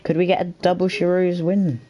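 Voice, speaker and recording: Excitable casual race co-commentator. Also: mid-range voice, highs cut off. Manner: excitable, quick reactions. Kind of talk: casual online racing commentary.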